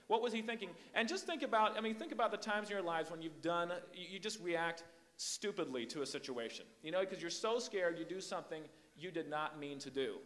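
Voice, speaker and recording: An invited youth speaker, a young man raised in Hong Kong and the Philippines, preaches a sermon to a youth group. His voice is fairly high and lively, and he speaks a little fast. He's animated and emphatic, repeating words as he builds each point.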